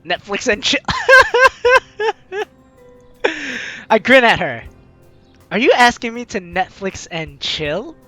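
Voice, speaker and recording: Reading game text aloud and commenting as a let's-play host, a young woman uses a bright voice with huge pitch swings, speaking slowly and pausing often. She sounds theatrical and teasing over faint background music.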